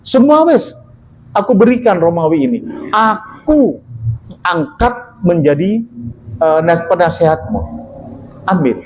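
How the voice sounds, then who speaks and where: A man's voice: high-pitched, animated, measured pace, pauses often, darkish tone, a little hiss or hum, pitched above the performer's own voice, low-quality recording. A male preacher voicing a proud Roman emperor who bargains with a captive, in sermon storytelling. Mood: commanding. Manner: commanding, tempting offers.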